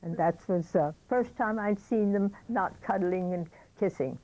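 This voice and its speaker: A woman's voice: medium pitch, measured pace, warm tone, low-quality recording. A woman fondly reminiscing in a documentary interview. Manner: fond reminiscing.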